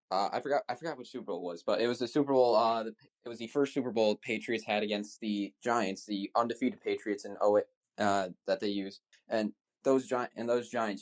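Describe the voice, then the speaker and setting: A man debating football, rushing and restarting his phrases often. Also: on the low side. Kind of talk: debate argument.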